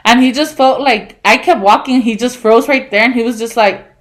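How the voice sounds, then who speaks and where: A woman in her twenties telling stories on a casual podcast, animated, laughing and swearing, with lots of fillers. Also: on the high side, normal speed. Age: 20s. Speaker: podcast co-host. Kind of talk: casual storytelling chat.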